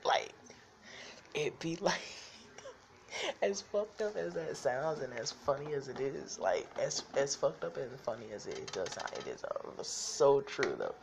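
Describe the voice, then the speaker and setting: Lively, gravelly podcast man. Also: medium pitch, measured pace, background noise. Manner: candid, profane, laughing often. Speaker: podcast host. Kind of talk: casual storytelling monologue.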